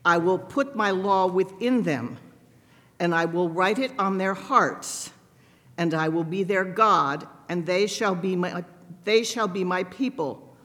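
A man leading a church service, praying and reading scripture in a measured, formal voice, heard with a cathedral echo. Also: high-pitched, pushed and bright. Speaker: pastor leading worship. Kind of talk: liturgical prayer and scripture reading. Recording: long church reverb.

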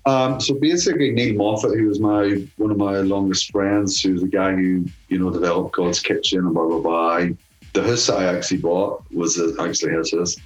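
A middle-aged man with a low voice tells a rowdy story as an interview guest. He swears freely and chuckles his way through it, with faint music underneath. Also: fairly even intonation, fairly quick, muffled recording. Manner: profane, laughing storyteller. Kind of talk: casual anecdote telling.

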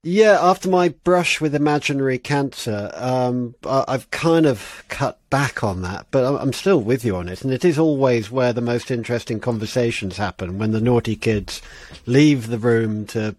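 A man talks as a podcast guest in a mid-pitched voice, stumbling over words and restarting often. His humour is dry. The recording is close and dead, with no room sound. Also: moderate pace, a little mellow, no echo. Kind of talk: casual chat.

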